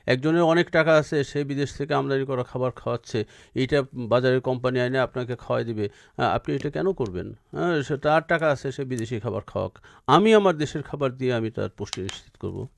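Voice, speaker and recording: A man's voice: medium pitch, fairly quick, gravelly, dry recording. A man with a Bangladeshi accent explaining advice as a radio phone-in expert, with emphatic, repetitive lists. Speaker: expert guest answering listeners' questions.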